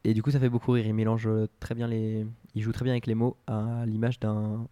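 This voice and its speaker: A man's voice: lowish voice, little pitch movement, a little fast, warm tone, clean tone, no room sound. Rambling, hesitant French-speaking man. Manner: rambling, hesitant, full of restarts. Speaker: podcast co-host. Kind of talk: casual chat.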